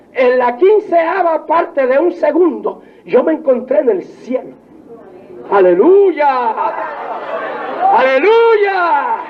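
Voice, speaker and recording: A man's voice: very high voice, a little hiss or hum. An older man preaching a fervent old-time revival sermon, stretching his phrases and crying out hallelujahs. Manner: fervent, shouts hallelujahs, drawn-out emphatic phrasing. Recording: dull lo-fi archive tape with faint congregation.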